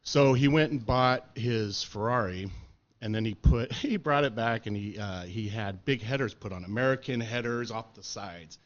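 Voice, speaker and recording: A middle-aged man spinning stories on a podcast, easygoing and full of swearing and "you know"s. His voice sits fairly low. The audio is a bit dull and lo-fi. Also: normal speed. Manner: laid-back, profane, filler-heavy. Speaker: podcast interviewee. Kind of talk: casual storytelling chat.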